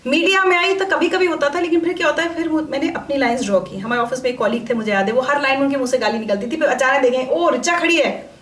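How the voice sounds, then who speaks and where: A middle-aged woman, an interview guest, telling her stories with animated emphasis in a conversational interview. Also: high-pitched, quick pace, hardly any pauses, echoey room, a little hiss or hum. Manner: animated, emphatic storytelling, acts out quoted voices. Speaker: interview guest, media personality.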